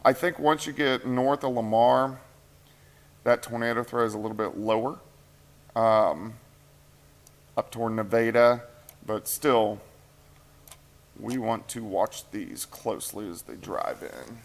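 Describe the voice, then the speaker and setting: This meteorologist speaks in a mid-range voice with a steady tone and a measured pace, leaving long pauses. He's covering the weather live late at night from a TV station weather center, using a shared mic. He comes across tired and hungry, casually reading viewer comments and thinking out loud.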